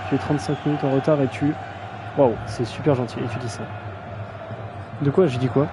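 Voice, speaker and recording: A man's voice: medium pitch, fairly even intonation, a little fast, noisy background. A young man casually commentating a video game match on a live stream, slangy and self-mocking, often stumbling over player names.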